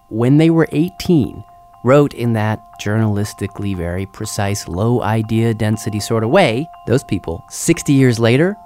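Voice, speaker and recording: A man co-hosting a science podcast, in an easy conversational tone. His pitch rises and falls a lot as he builds his explanation, and faint music plays underneath. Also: a little mellow. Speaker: podcast co-host. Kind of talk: casual explanatory chat.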